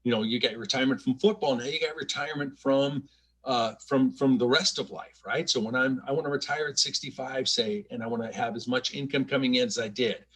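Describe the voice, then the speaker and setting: A man's voice: mid-range voice, brisk, a bit bright, breathy edge. A middle-aged man giving a conversational financial planning presentation, chatty and often repeating small words as he restarts his sentences.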